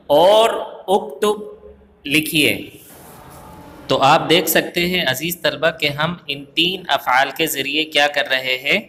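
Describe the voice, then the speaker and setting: A man with a Pakistani Urdu accent teaches a grammar lesson to camera. His voice sits fairly high and sounds bright and forceful. He asks and answers his own questions and slows down for recited examples, and his voice rings with a long echo in the room. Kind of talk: recorded video lesson. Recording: echoey room with long reverb.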